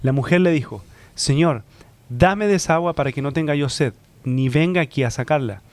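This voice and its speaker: A man's voice: on the high side, brisk, dry recording. Man reading scripture aloud.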